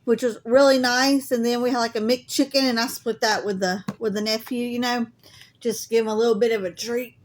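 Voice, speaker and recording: Chatty Southern woman, slightly high voice. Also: steady tone, a little fast, a little hiss or hum. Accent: Southern US (Alabama). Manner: chatty, folksy, says y'all often. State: coughing, asthmatic. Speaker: crafting vlogger. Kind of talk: casual chat to viewers.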